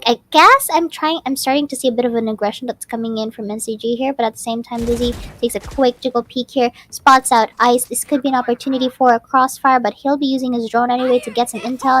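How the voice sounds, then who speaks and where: A woman shoutcasting a live esports match, giving quick, animated play-by-play calls with frequent restarts. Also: a little high. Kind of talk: live play-by-play game commentary.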